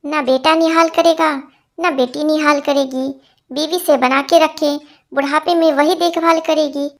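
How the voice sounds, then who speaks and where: Woman narrator, high voice, reading jokes, acts out quotes. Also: fairly even intonation, measured pace. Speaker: joke narrator.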